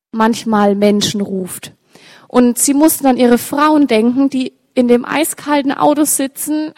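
Woman storyteller in a reverberant hall. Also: a little high. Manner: lively, direct address to listeners. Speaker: storyteller for children. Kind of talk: telling a story with pictures to an audience. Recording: long reverb, large hall.

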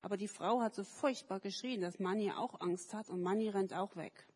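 A woman telling a story to children at a church service, lively and turning to ask them questions. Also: medium pitch, normal speed, breathy edge. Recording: echoey hall.

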